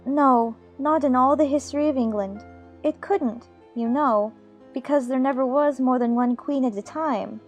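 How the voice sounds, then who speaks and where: A woman's voice: sits high, normal speed, soft background music, lightly acted. A woman voicing a young storybook girl, earnest and fussy, easily puzzled and impatient. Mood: perplexed. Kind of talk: dramatized audiobook character acting.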